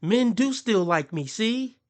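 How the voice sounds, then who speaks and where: A commentary channel host reacts mockingly in a high-pitched, expressive voice at a slow pace, laughing often and putting on voices to quote people.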